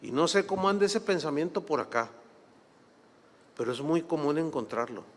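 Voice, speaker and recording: A man preaching a sermon, telling a story with lively acted-out voices. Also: fairly high pitch, moderate pace. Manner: animated, acts out quoted voices, laughs while telling. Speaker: pastor. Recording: long hall reverb.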